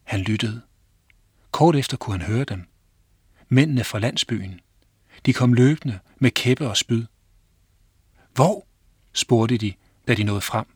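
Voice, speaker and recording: A man reading his own children's story aloud, calm and clear storytelling. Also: medium pitch, long pauses, no room sound, clean studio sound.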